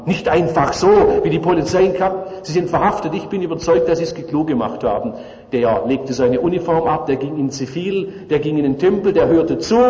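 A man preaching a sermon, telling a Bible story vividly and swinging between loud, high moments and quiet, low ones. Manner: vivid storytelling, dramatic swings in pitch and loudness. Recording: echoey church hall, dull lo-fi sound.

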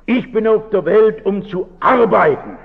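A man's voice: high voice, expressive, unhurried, creaky, breathy edge. A male pastor gives an earnest talk, pressing his listeners with rhetorical questions. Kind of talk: reflective talk to an audience. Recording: dull recording with long hall reverb.

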